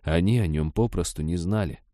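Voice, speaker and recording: Low mellow male audiobook narrator. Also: a little fast, no echo, studio quality.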